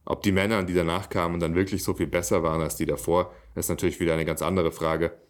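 A man reading aloud from his own first-person novel in a calm, even way. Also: sits low, fast.

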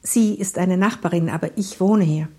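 A woman's voice: lowish voice, moderate pace, a little mellow, breathy edge. A woman voicing a determined young woman who speaks firmly. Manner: firm, insistent.

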